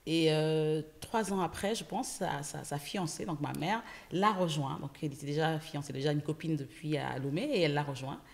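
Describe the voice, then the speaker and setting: A woman from Senegal, a guest entrepreneur, telling stories in a casual interview, lively, with many fillers. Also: sits low, normal speed, gravelly, few pauses. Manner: lively storytelling with frequent fillers. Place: podcast studio.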